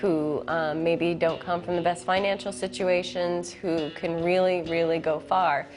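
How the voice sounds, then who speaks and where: Low, level-voiced dorm staff woman. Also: fairly even intonation, unhurried, darkish tone. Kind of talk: documentary interview. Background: music.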